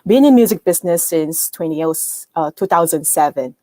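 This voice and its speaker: Businesslike woman from Singapore, low voice. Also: expressive, normal speed, warm tone, dry recording. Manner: businesslike, fluent. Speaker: panelist, music business consultant. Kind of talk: self-introduction on a panel.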